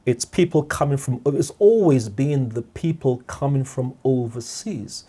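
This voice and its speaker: His mid-range voice is expressive, dark, and edged with breath: a middle-aged man from Guyana guesting on a podcast. He speaks in a measured, reflective way, repeating words and often checking in with "all right?".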